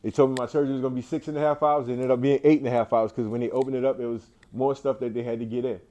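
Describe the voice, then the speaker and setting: A man with a warm, mellow voice at a middling pitch gives an inspirational talk to a room. He repeats his phrases and restarts often, and his faith-driven delivery sounds like a preacher's. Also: level tone, very fast. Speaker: cancer survivor speaking to an audience. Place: indoor venue with an audience.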